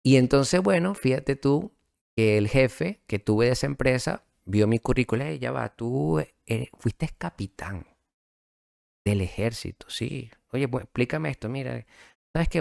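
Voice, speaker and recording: Relaxed and reflective, this middle-aged man with a Venezuelan accent recounts his story as an interview guest, filling it with fillers and restarts. He speaks at a medium pitch with vocal fry, recorded in studio quality with no room sound.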